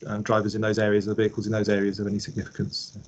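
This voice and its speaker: A man's voice: on the low side, monotone, rapid-fire, darkish tone, poor audio. A man councillor asking a question on a video call, polite and tentative, hedging his words. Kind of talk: committee question.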